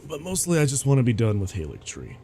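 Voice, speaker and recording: A man's voice: medium pitch, huge pitch swings, fast, creaky, warm tone, soft background music. A man streaming a video game in casual commentary, sounding sleepy and stuffy, rambling and laughing often. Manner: giggly, rambling.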